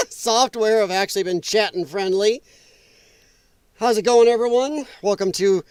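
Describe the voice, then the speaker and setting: A male streamer hangs out late at night in his home room, animals close by, chatting with his viewers in a rambling, self-deprecating way. His voice is high, rough and darkish in tone, and he coughs now and then. The sound is dry, with no echo.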